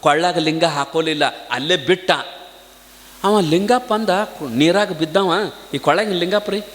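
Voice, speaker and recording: Bright-voiced preacher. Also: male voice, on the high side, normal speed, long reverb tail. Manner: lively storytelling, addresses listeners with respectful 'ri'. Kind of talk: spiritual sermon storytelling.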